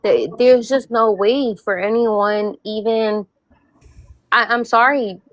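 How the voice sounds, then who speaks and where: A woman's voice: fairly high pitch, fairly even intonation, slow pace, a bit bright, no echo, rough recording. A woman born in Puerto Rico speaks earnestly as a panel guest, pressing her point and repeating herself when she cuts in. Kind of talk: casual panel discussion.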